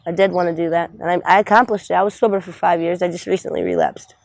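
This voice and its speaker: A woman's voice: lowish voice, very animated, fast talker, vocal fry, dry recording, low-quality recording. Blunt streetwise woman in her twenties. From Trinidad. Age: 20s. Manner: blunt and streetwise, swears freely. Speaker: interviewee on the street. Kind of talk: candid street interview. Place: outdoors on a city street.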